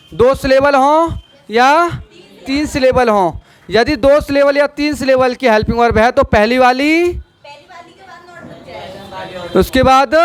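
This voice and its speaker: A male teacher giving a classroom grammar lesson, asking his students questions and saying example sentences slowly. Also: very high-pitched, a bit bright, clean tone.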